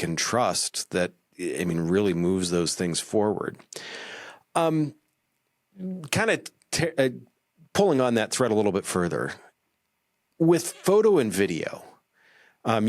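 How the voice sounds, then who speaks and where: A man's voice: lowish voice, unhurried, no echo, studio quality. A man hosting a podcast interview, talking casually with lots of fillers and restarts. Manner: animated, many fillers and restarts. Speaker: podcast host. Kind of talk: conversational interview.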